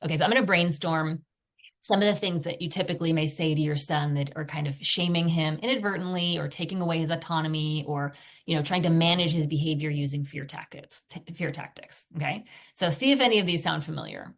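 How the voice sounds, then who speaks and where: A woman's voice: sits low, brisk. A woman parenting coach teaching a video lesson in a conversational way, often checking in with her listeners. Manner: acts out quoted phrases parents say to their sons.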